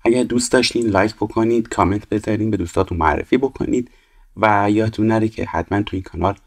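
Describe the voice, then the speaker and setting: A man teaching English, reading each phrase slowly and clearly and then explaining it quickly. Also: fairly low pitch. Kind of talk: explaining exercises step by step.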